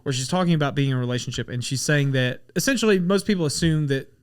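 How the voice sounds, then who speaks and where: A man's voice: fairly high pitch, fast talker, clear, resonant tone. A man hosting a podcast in casual chat, a playful storyteller who slips into silly voices. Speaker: podcast host.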